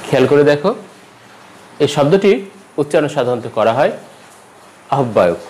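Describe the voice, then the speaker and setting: A man giving a pronunciation lesson, repeating each word slowly and carefully, with a rise in pitch at every new word. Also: poor audio. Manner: lively teacherly stress, rises at each new word. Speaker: language teacher.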